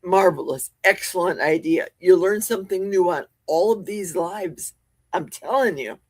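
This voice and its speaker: A woman hosts a laid-back livestream from her home basement, answering viewers' comments with chatty jokes. She speaks at a moderate pace in a lowish voice, recorded dry on a desk mic with a cough button.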